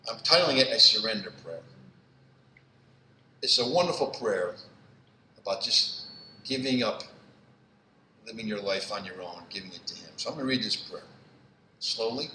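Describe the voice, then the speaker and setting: A man preaching a sermon with passion, surging to emphatic peaks and dropping to a hush for prayer. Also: expressive, roomy sound, slight background noise, poor audio. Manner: impassioned, rising to high emphatic peaks then dropping soft; slow, hushed prayer reading.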